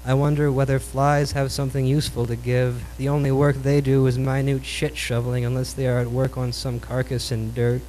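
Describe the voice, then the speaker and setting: A man performing his own poems at a live reading in a cool, measured Beat style, like a beatnik poet. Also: medium pitch, little pitch movement, dark tone. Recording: noisy live recording with hum.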